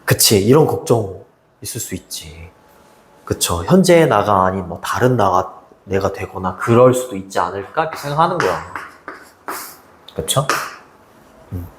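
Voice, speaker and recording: A man teaches a high school English lesson in a lively voice that rises and falls a lot. He talks in a chatty way and keeps checking in with the class. The room gives his voice a noticeable echo. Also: moderate pace, long pauses, a little hiss or hum. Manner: lively, chatty, keeps asking students "right?".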